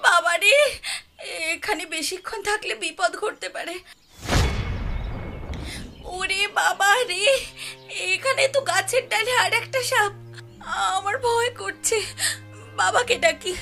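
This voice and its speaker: A woman's voice: sits high, measured pace, sharp tone, soft background music. A woman voicing a worried cartoon mother. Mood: terrified crying. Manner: pleading, anxious. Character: worried mother and frightened young daughter.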